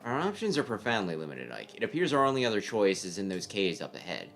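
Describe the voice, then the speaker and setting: A man voicing a grave, calculating young strategist from a game script in formal, measured counsel. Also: fairly low pitch, wildly swooping pitch, creaky, a bit bright, faint music behind, pitched below the performer's own voice, full character voice. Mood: grave, urgent. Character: grave, calculating young army strategist advising his commander. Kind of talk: game script read aloud.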